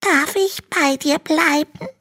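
A woman voicing a tiny, timid young male dragon in a storybook reading, squeaky and whimpering as he pleads. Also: slow, bright, forceful tone, heavily acted. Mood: tearful.

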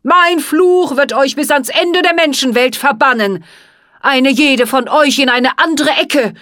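A woman voicing a furious male winter wizard who shouts curses in a cutting voice. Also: high-pitched, a little slow, dry recording, clean studio sound, pitched above the performer's own voice. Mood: cursing.

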